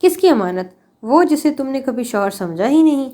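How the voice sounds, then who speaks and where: A woman's voice: high voice, sing-song, dark tone, pitched above the performer's own voice. A woman voicing a cruel, vengeful young man who makes sneering threats. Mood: taunting, menacing. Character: cruel young male villain, vengeful and taunting.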